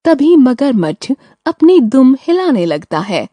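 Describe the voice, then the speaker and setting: Woman reading stage directions slowly. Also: high-pitched, big pitch swings, dark tone, no echo. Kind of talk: scripted narration.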